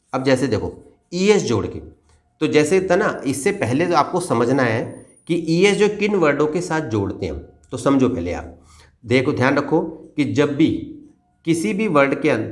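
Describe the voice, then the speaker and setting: Patient man teaching grammar to children. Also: mid-range voice. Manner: patient, repetitive, checks understanding often. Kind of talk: explaining a grammar lesson to children.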